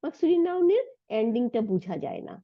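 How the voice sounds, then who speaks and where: A woman's voice: fairly high pitch, sing-song, brisk, dry recording, narrow, tinny audio. Patient woman teaching a grammar lesson. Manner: patient, asks and answers her own questions. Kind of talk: explanatory lesson.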